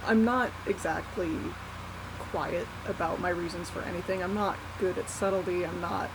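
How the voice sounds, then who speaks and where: A young adult vlogger speaking in a halting, candid, self-deprecating way in a casual unscripted confessional. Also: mid-range voice, fairly even intonation. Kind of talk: casual unscripted confessional vlog, one take. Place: small warm bedroom at night. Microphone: laptop built-in mic. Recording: laptop mic with loud fan noise. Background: whirring fan.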